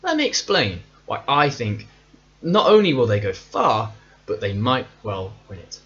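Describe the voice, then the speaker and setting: A man's voice: medium pitch, very animated, a little slow, fairly bright tone, lo-fi sound. A man hosting a casual solo cricket podcast, talking in a chatty, playful, self-mocking way. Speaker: podcast host.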